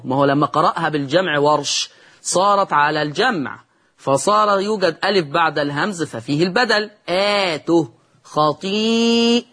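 A man with an Egyptian accent gives a televised recitation lesson in a notably high voice. He speaks patiently and draws out each example word in a slow chant before explaining the rule to his viewers. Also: bright, forceful tone, slightly rough. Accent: Egyptian Arabic. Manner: patient and encouraging, addresses viewers directly. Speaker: Quran recitation teacher.

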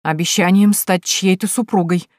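A woman reading an audiobook voices an ardent young male detective who speaks slowly and gallantly. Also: lowish voice, fairly even intonation, no echo, studio quality, natural voice. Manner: warm, slow, gallant.

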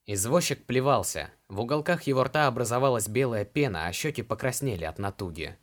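A man narrating an audiobook in a steady, even reading voice. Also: mid-range voice, a little fast.

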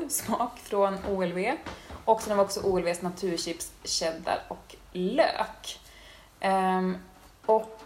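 A Swedish woman hosting a casual chat podcast, relaxed and hesitant with many fillers. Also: mid-range voice, a little hiss or hum. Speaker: podcast host. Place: indoor room with rain outside. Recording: roomy room, rain on window.

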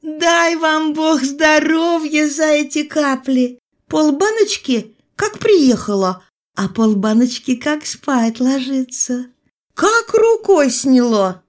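A woman's voice: very high voice, very slow, voice pushed up, full character voice. A woman putting on a fawning sing-song peasant woman. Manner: flattering sing-song, lilting.

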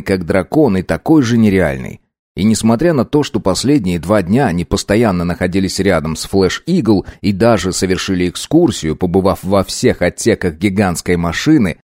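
A man narrating an audiobook in a measured, even manner. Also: on the low side, no room sound, studio quality. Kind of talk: scripted narration.

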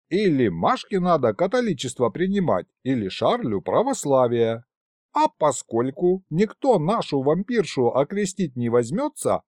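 A man voicing a cantankerous old grandfather who shouts and grumbles in folksy, old-fashioned speech. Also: on the high side, no room sound, clean studio sound.

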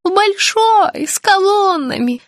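A woman reading an audiobook, voicing a frail, confused old woman who speaks slowly and pleads, often breaking into anguished cries. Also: extremely high pitch, lively intonation, no room sound, clean studio sound, pitched above the performer's own voice, heavily acted. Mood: dazed, pleading. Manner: slow, pleading, rising to wailing cries.

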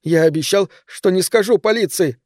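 A man's voice: a little high, moderate pace, warm tone, no room sound, studio quality, voice pushed up, natural voice. A man voicing a terrified nine-year-old boy in shock, pleading in a shaky voice.

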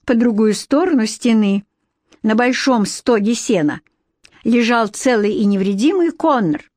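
A woman narrating a children's fantasy audiobook, telling the story clearly and evenly. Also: a little high, animated, a little slow, darkish tone, dry recording.

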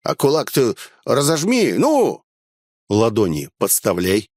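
A man's voice: medium pitch, huge pitch swings, slow, a little mellow, no room sound, clean studio sound, heavily acted. A man voicing a dim-witted male bandit sidekick who mutters crude, folksy slang. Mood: menacing. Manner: mumbling folksy slang with fillers.

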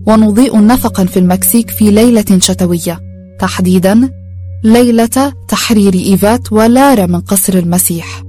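A woman narrating a story in a calm, steady reading voice. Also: mid-range voice.

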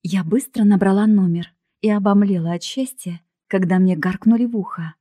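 Woman narrator for first-person audiobook, lively and expressive, dark dry tone. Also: mid-range voice, normal speed, no echo.

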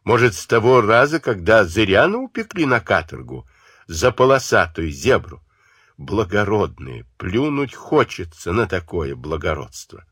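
A husky-voiced man doing a furious, scornful young woman in a storybook, flinging accusations with a lively rise and fall. The voice is low at its base, set in a dry, close sound. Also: unhurried, no room sound, exaggerated voice. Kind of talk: audiobook character voice.

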